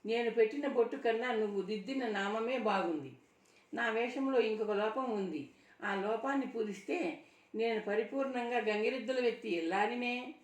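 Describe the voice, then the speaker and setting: A woman voicing a bold, steady young woman in disguise, speaking calmly and firmly in an audiobook. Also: on the high side, normal speed, natural voice. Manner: calm, firm, insistent. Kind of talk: audiobook dialogue reading. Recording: roomy sound from a distant mic.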